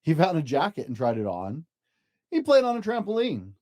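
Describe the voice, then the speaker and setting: Reading a picture book aloud as though to young children, this storyteller sounds gentle and expressive. The voice is mid-range and the pace moderate.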